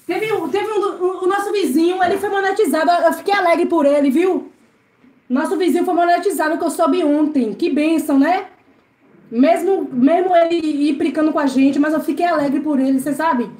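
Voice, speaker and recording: Speaking at a normal speed in an extremely high, somewhat mellow voice, a Brazilian woman live-streams casually as she cleans her home service area. She reads viewers' comments aloud and greets them by name, with echo and faint noise in the background.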